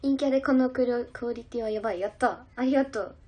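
A woman's voice: on the high side, fast talker, dull audio. A young woman idol chatting casually on a livestream, giggling as she reads out and answers viewer comments. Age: young adult.

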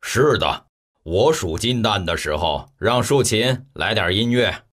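A hungry storybook giant rumbles very low and slow, grunting and sniffing as he speaks, put on by a woman. His growl swoops widely for effect. The voice has a breathy edge. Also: animated, full character voice. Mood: gruff, menacing. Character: huge hungry male giant, gruff and greedy. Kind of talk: children's storybook acting.

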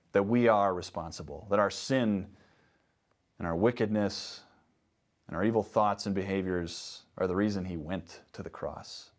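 A man in his thirties preaching a sermon from a lectern on a dark church stage, reading scripture with earnest emphasis. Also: on the low side. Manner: earnest, emphatic rises on key words, hushed in prayer. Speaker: pastor.

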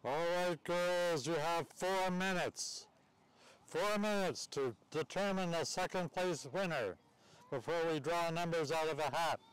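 A man hosts a live contest out in a cow pasture, talking to the people around him in a casual, teasing way. He takes his time between phrases, in a voice a bit higher than most men's. The mood is lighthearted, with running jokes for the crowd. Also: a little slow, clear, resonant tone. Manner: joking, teasing banter with the crowd. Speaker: contest announcer. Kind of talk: casual live event announcing.

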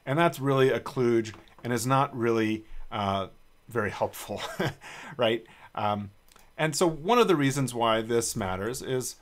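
A man's voice: medium pitch, unhurried. Man teaching code while typing. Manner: relaxed, thinking aloud with many ums while typing code. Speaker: programming instructor. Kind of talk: screencast coding tutorial.

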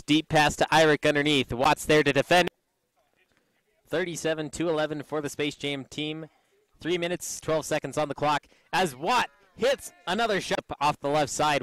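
A man commentates youth basketball with quick, excited calls. His voice is bright and a little high, recorded close and dry with no room around it. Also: dry recording, rough recording. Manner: energetic, excited calls on made shots. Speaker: play-by-play commentator.

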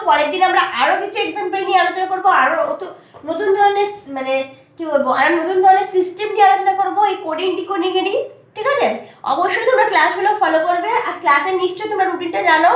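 A very high-pitched woman explains an exam-prep lesson one step at a time. She keeps stopping to check that her students follow. The voice comes from some distance in a strongly echoing room. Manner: step-by-step, often checks understanding with "তাই তো?" and "ঠিক আছে?". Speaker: teacher. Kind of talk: online exam-prep class. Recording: echoey room from far off.

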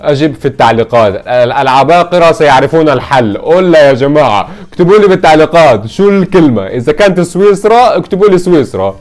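A young man, hosting a casual puzzle video, thinking aloud and jumping up in pitch when he gets an answer. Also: quick pace, few pauses, faint music behind. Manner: thinks aloud, spells out letters, pitch leaps when excited. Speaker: YouTube host. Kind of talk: casual puzzle-solving commentary.

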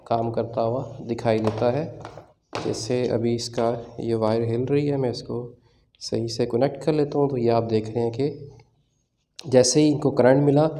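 With slight background noise behind him, a man with a warm, mid-range voice and a Pakistani Urdu accent runs a hands-on tech tutorial. The tech channel host chats casually, full of fillers, narrating while he works with his hands at a table.

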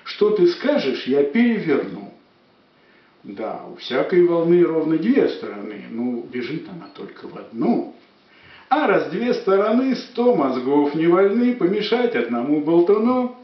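A man giving a dramatic poetry declamation, with measured, emphatic phrases that swell and fall. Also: a little high, very animated. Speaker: poet reciting verse on stage. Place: echoey room, recorded at a distance. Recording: echoey room, distant dull microphone.

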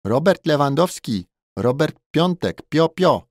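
Thai bartender, male, voiced by a male narrator, Thai accent, high, loud, grinning hustler in broken English; dry booth sound. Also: big pitch swings, slow pace, dry recording. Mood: jolly.

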